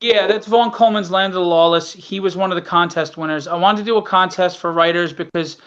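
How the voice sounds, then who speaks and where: A guest comic writer talks on an online call in a casual, blunt, opinionated podcast style, earnest and salty in his language. His voice is high and fairly bright, steady in tone and a little fast, and the call audio sounds dull and lo-fi.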